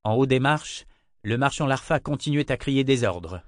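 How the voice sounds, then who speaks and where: A man narrates an audiobook in a steady, measured voice of middle pitch. The recording is dry and close, with no room sound around him. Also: no echo. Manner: even, measured reading. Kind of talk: scripted narration.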